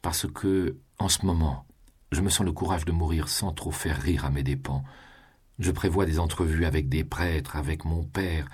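A man voicing a proud young prisoner facing execution, musing in a low, subdued voice. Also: normal speed, a little mellow, slightly rough, full character voice. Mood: brooding.

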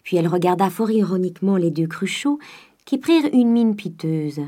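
A woman narrating a classic novel as an audiobook in a measured way. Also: on the low side, animated, mellow.

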